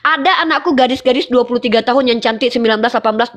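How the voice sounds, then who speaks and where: High-voiced emphatic woman arguing. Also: very fast. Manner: emphatic and argumentative; acts out quoted dialogue. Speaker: livestream debater. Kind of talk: heated religious debate chat.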